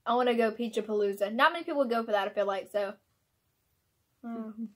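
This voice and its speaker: Young female vlogger, bubbly and giggly, slightly high voice, casual taste-test chat. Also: fairly quick, fairly bright tone. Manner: bubbly, giggly, exclaims and laughs often.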